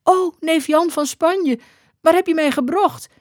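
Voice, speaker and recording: A woman's voice: measured pace, no echo, studio quality. A woman putting on a wailing befuddled young woman. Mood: drowsy. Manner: high plaintive wailing. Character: drunk bewildered young woman, whiny and pleading.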